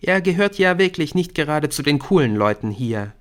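A man's voice: on the high side, expressive, normal speed, clean tone, pitched above the performer's own voice, natural voice. Man putting on a prissy gossipy schoolgirl. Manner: affected, prying, sugary.

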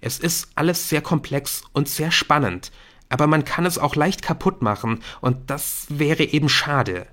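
A man narrating an audiobook voices a defensive teenage schoolboy, hooked on a secret game, who dismissively brushes off his friend's worries. He pitches his voice fairly high, above his own natural range, keeping it unhurried and a bit bright.

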